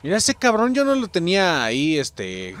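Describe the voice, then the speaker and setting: Excitable Mexican man narrating a game. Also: high-pitched, normal speed. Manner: excitable, swearing, shouts and then drops to mutters. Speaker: gameplay commentator. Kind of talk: gameplay commentary.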